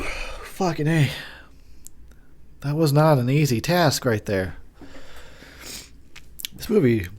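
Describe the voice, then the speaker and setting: Drunk man, podcast host, slow talker, lively pitch, profane, rambling commentary. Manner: rambling, profane, laughs at own jokes. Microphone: pop filter mic.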